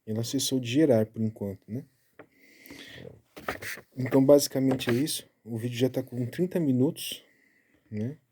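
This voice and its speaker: A man giving a casual Bible study, explaining step by step and tagging his sentences with quick checks to the listener. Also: medium pitch, background noise. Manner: chatty, keeps tagging lines with "né?"; explaining Hebrew letters and pronunciation step by step.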